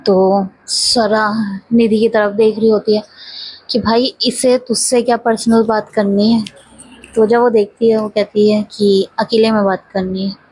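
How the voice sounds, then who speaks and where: In a low-quality recording with a little hiss or hum, a woman with a medium-pitched, slightly mellow voice retells a web series storyline. Her delivery is flat and a little slow, yet chatty and casual, with "so she says" linking every line.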